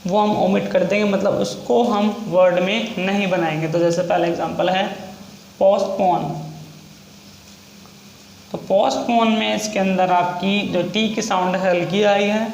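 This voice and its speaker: A man's voice: high-pitched, fairly even intonation, gravelly. Male tutor, repetitive and patient in delivery; echoey room, faint hiss behind. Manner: repetitive, spells words out slowly for learners. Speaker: shorthand teacher. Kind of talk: classroom lesson.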